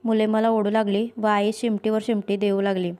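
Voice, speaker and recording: A woman reading a story aloud in a steady, even storybook manner. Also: mid-range voice, normal speed. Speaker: reader.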